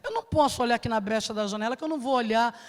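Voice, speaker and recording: A woman's voice: fairly high pitch, rapid-fire, pitched below the performer's own voice, natural voice. A Brazilian woman voicing a worried, persistent church brother who pleads earnestly. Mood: pleading. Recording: church hall reverb.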